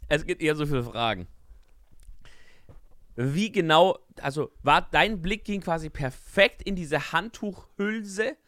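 A man's voice: on the high side, measured pace, a bit bright. A young man in casual podcast chat, joking and reacting in slangy banter.

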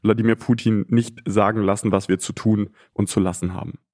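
A man's voice: fairly low pitch, steady tone, fairly quick, a little mellow. A man born in Ukraine, a journalist guest answering interview questions thoughtfully, with frequent hesitations.

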